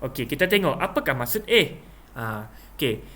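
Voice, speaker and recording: A man's voice: medium pitch, sing-song, normal speed, sharp tone. A young man with a Malaysian Malay accent teaching a lesson, acting out examples with exaggerated intonation and many fillers. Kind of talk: classroom lesson explanation.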